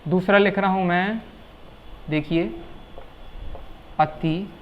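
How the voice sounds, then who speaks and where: A man teaching correct Hindi spelling, repeating words slowly and asking the viewers rhetorical questions. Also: high voice, steady tone, highs cut off, slight background noise. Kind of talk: explaining spelling at a whiteboard.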